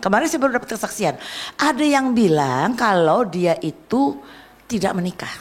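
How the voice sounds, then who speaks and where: A woman evangelist preaching a sermon, emphatic and lively, often asking her congregation to agree, dropping to a soft voice for prayers. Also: mid-range voice, breathy edge. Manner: acts out prayers and quoted speech in a softer voice.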